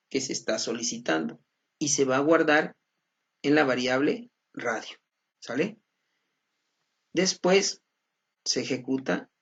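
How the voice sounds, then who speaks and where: A man's voice: mid-range voice, creaky, slightly rough. A man teaching a recorded class, patiently explaining slides and checking in with his students. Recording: dull lo-fi recording.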